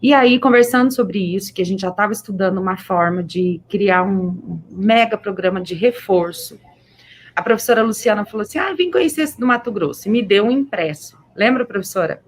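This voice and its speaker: A woman's voice: mid-range voice, normal speed, slight background noise. Effusive Brazilian woman speaking through a face mask. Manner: effusive, emphatic, repeating words for stress. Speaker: municipal education official hosting a livestream. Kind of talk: informal livestream address to teachers.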